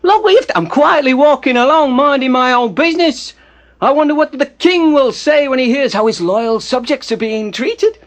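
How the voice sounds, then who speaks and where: A man voicing a cunning, greedy male spider who screeches and schemes, with a gravelly, husky voice in a storytelling style. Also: very high-pitched, normal speed, pitched above the performer's own voice. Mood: indignant.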